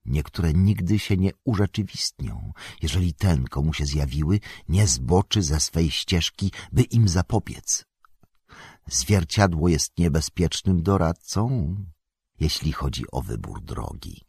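Man reading as a calm, wise elven queen. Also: very deep voice, gravelly, breathy edge, no echo, studio quality, heavily acted. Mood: solemn. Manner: measured, solemn counsel. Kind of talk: audiobook character voice.

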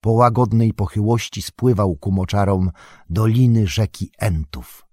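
Low husky male audiobook narrator. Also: unhurried, warm tone, no room sound, clean studio sound. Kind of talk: scripted narration of a fantasy novel.

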